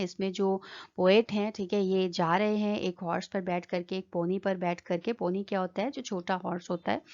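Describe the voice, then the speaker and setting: A woman's voice: medium pitch, a little mellow, muffled recording. A woman teaching an exam-prep lesson, explaining step by step and often checking in with her listeners. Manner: explanatory, repeats "ठीक है" often. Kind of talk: exam-prep lecture in Hindi-English mix.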